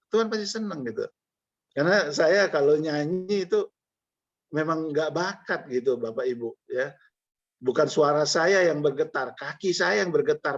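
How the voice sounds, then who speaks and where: A man's voice: fairly high pitch, highs cut off. A man preaching a sermon in a conversational way, with jokey asides to the congregation.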